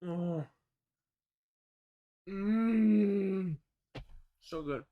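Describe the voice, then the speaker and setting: Young male streamer, high voice, loose rambling chat with laughs and swearing. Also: drawn-out words, phone-quality sound. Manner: laughing, rambling, cursing, filler-heavy. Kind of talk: casual live-stream chat while eating.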